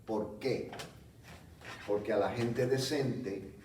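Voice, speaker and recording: A man preaching a teaching sermon, explaining slowly and checking in with his listeners. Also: on the low side, darkish tone. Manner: slow, explanatory, frequent "¿ok?" check-ins. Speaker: pastor. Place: church hall. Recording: echoey room from a distance, faint background noise.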